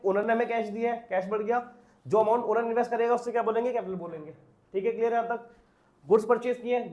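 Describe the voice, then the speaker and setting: A man's voice: sits high, darkish tone, echoey room. A man teaching an accounts class, asking questions and answering them himself. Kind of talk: classroom lecture.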